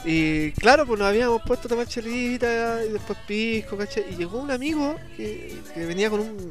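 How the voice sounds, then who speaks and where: A man's voice: high-pitched, a little fast, faint music behind. A young Chilean man co-hosting a podcast, casually and animatedly telling a story to friends. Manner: animated, acts out shouted quotes. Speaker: podcast co-host.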